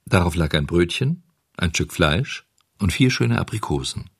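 Lively male storybook narrator. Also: low voice, normal speed, creaky, breathy edge, dry recording, studio quality. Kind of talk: audiobook storytelling.

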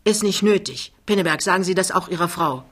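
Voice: mid-range voice, fairly quick, fairly bright tone, natural voice. A reader voicing a big, talkative, overbearing man who confides and gossips. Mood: confiding.

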